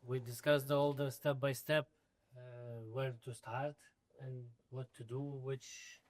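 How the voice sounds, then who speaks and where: A man's voice: mid-range voice, level tone, slow pace, no room sound. Guy, student in class, kinda hesitant, mid voice, dry. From Lithuania.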